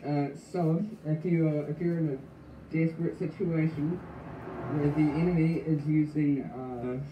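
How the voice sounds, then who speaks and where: A man speaking through a gas mask in a casual product test, halting, with joking deadpan asides. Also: on the high side, lo-fi sound. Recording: roomy with clear background noise.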